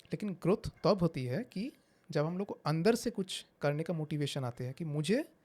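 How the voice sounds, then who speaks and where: A man's voice: fairly high pitch, expressive, moderate pace, darkish tone. A man, a psychiatrist guest explaining patiently with examples and slipping into English phrases. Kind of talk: explanatory interview talk.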